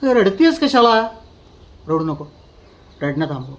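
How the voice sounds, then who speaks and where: A man playing a controlling, cruel husband, speaking with soft, taunting menace that turns to sharp outbursts. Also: sits high, slow. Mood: menacing. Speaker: actor in an audition. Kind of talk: dramatic monologue.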